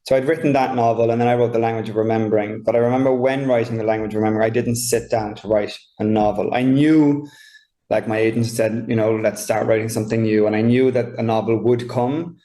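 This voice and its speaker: An Irish novelist, a guest in a conversational author interview, speaks reflectively and often searches for his words. He has an Irish accent and a mellow, medium-pitched voice with a steady tone, and he talks fast. The audio is poor and reverberant.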